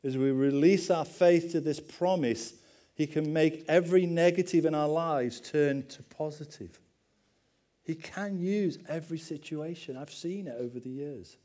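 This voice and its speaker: A man's voice: a little high, unhurried, dark tone. A middle-aged man, a pastor giving a conversational sermon with personal stories and self-deprecating asides.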